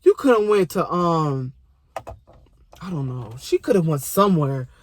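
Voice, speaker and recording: Fired-up, high-voiced young man ranting. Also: a little slow. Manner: profane, animated, talks straight to the show's characters. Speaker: vlogger reacting to a TV show. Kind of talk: casual reaction rant.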